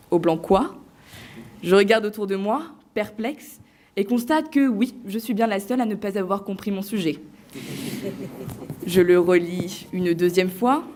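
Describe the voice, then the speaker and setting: A woman on stage delivering a prepared competition speech to a live audience, theatrical and playful, with deliberate pauses. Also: mid-range voice, a little mellow. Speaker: eloquence contest finalist.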